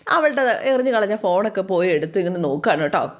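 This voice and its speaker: Woman chatting through a tv serial recap, lively, average pitch, does the characters' lines. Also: fast talker. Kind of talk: casual storytelling recap with acted quotes.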